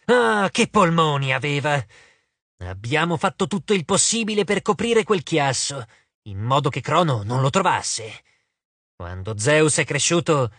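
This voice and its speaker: A man voicing an ancient, bitter female water nymph who speaks slowly and menacingly in an audiobook. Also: a little high, fairly bright tone, slightly rough, dry recording, exaggerated voice. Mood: lamenting. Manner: slow, menacing, honeyed. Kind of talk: audiobook character voice. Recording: dry close studio sound.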